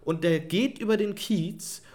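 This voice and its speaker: A man's voice: sits high, measured pace, darkish tone. A man co-hosting a casual podcast chat, chiming in to back up a friend's story and add details. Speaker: podcast co-host.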